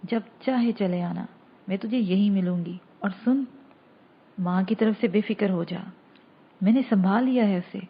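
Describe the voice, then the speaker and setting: A woman's voice: medium pitch, slightly rough, dull audio, close to an everyday voice. A woman doing an affectionate, coaxing young woman. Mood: tender. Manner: tender, loving tone.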